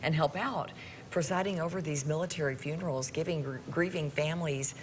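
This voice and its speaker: A woman's voice: low-pitched, brisk, a little hiss or hum. A woman hosting live television coverage as a parade commentator. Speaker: parade broadcast host.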